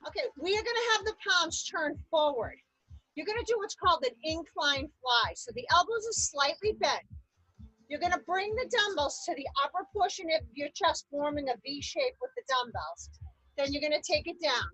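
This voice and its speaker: A woman aerobics instructor leading an exercise class, giving energetic, encouraging cues and counting reps. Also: very high voice, moderate pace, dry recording, poor audio. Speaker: aerobics instructor leading a seated chair workout.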